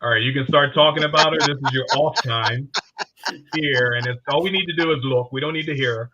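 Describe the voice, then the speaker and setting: A man's voice: mid-range voice, fairly quick, sharp tone, dull audio. A man hosting a talk show in a casual, joking panel-chat style, introducing clips. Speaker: host running the clips.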